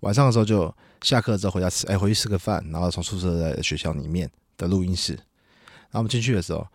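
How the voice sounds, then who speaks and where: A young man with a Taiwanese Mandarin accent tells a story at a rapid clip in a fairly low voice. He is animated and laughs often, acting out the people in his tale. His voice is close and dry on a studio mic. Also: husky, dry recording. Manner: animated, laughing storyteller who acts out quotes. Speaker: podcast host. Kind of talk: casual storytelling chat. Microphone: studio microphone.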